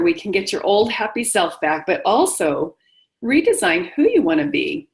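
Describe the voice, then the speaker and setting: A middle-aged woman leads a motivational webinar, speaking directly to her audience in an encouraging, confiding tone. Her voice sits slightly low for a woman. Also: rough recording. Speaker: webinar host and widowhood coach.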